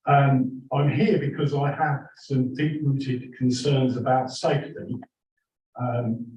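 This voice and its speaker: A man giving a formal public statement to a committee, halting and earnest, recorded in a meeting room. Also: medium pitch, dark tone. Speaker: member of the public addressing a committee. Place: indoor council meeting room. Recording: echoey, distant, muffled meeting-room recording.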